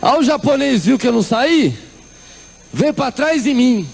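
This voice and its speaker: A man's voice: very high voice, very animated, unhurried, gravelly, breathy edge. A middle-aged Brazilian man giving a comic church testimony, acting out the people in his story. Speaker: testimony speaker.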